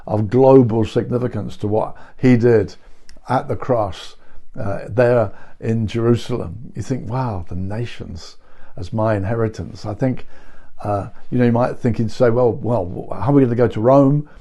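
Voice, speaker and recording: An older man giving an earnest, reflective devotional talk and voicing scripture quotes softly. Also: fairly low pitch, steady tone, measured pace. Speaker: preacher.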